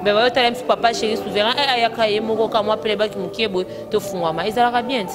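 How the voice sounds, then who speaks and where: A woman with a Congolese French accent in quick, emphatic casual chat, asking many questions. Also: fairly high pitch, steady tone. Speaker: fan discussing rumba music. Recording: loud music playing behind.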